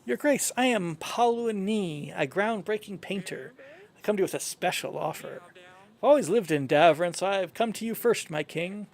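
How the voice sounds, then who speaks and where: A man's voice: sits high, gravelly. Man playing a pompous, self-promoting painter. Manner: grand, salesman-like. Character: pompous self-promoting painter selling his abstract art.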